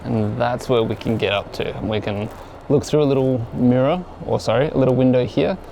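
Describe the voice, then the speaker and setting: A man's voice: medium pitch, fairly quick, gravelly, noisy background. Chatty young man vlogging a tour. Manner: chatty, explains with lots of "like". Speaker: travel vlogger. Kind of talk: casual travel vlog chat. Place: outdoors on a guided tour.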